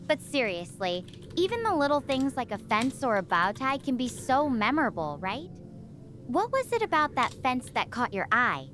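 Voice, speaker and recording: A synthetic woman plays a curious young space researcher who is stranded and keeps chatting and asking questions. Her voice sits high with big pitch swings, a fairly bright tone and normal speed, and faint music can be heard behind her.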